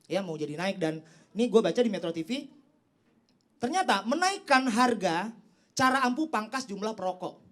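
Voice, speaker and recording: A young man performing a stand-up comedy set on stage, teasing the crowd and leaping up in pitch for his punchlines. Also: lively intonation, moderate pace, long pauses, fairly bright tone. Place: comedy stage before a live audience. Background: audience laughter and applause.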